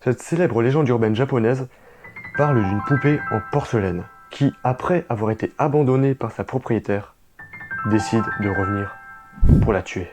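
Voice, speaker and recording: A man's voice: mid-range voice, moderate pace. A young man co-hosting a horror video, narrating eerie stories dramatically with chatty asides to viewers. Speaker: co-host. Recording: music playing behind.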